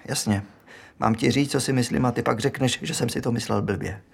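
A pushy, defensive detective. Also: male voice, mid-range voice, gravelly, slightly rough. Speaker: police interrogator. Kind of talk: radio drama acting.

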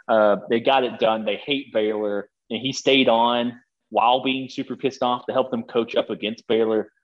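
A man's voice: medium pitch, fairly even intonation, moderate pace, highs cut off. A man co-hosting a sports podcast, talking picks in casual, rambling chat, laughing often and swearing now and then.

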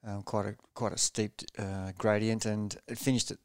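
Aussie guy guesting on a podcast, low flat voice, smooth and clear, keeps restarting sentences. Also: no room sound. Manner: measured and low-key, often restarting phrases. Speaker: podcast guest, former racing cyclist. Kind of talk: reflective storytelling in a podcast interview.

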